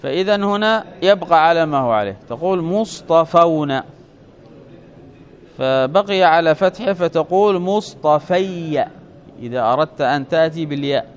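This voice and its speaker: A man teaching a classroom grammar lesson, explaining step by step and often checking with his students, drawing out his example words slowly. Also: on the high side, lively intonation. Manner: slows and stretches example words. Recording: dull lo-fi classroom recording.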